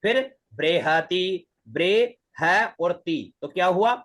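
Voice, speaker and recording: A man's voice: sits high, expressive, fairly bright tone. A man teaching Vedic mantras online. He breaks each word into syllables, repeats it several times, and chants the full verse. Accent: Hindi. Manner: spells out syllables slowly, then chants the mantra.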